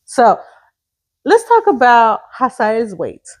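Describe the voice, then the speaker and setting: A woman's voice: fairly high pitch, wildly swooping pitch, takes it slowly. Blunt, swearing woman in her late thirties. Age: 30s. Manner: blunt, profane, mixes Spanish words into English. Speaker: podcast co-host. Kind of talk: casual chat.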